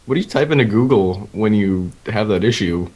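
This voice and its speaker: A man's voice: fairly low pitch, lively intonation, brisk, darkish tone, husky. A man co-hosting a casual podcast, laid-back and chuckling along. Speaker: podcast co-host. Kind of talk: casual chat.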